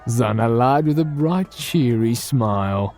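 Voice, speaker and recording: A man's voice: mid-range voice, lively intonation, a little slow, darkish tone. Man narrating an audio drama. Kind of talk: scripted narration.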